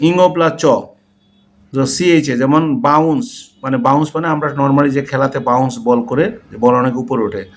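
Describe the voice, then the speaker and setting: A man teaching a language lesson, spelling out letters slowly and deliberately, one at a time. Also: medium pitch, steady tone. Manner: slow, deliberate letter-by-letter dictation. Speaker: English teacher.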